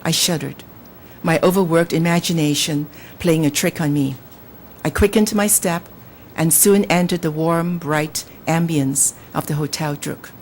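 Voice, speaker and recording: A deep female voice, accompanied by a little hiss or hum, comes from a Cantonese-speaking novelist from Hong Kong. Appearing as a guest, she reads from her book in a lively manner before answering questions, measured overall but hesitant and filler-heavy in conversation.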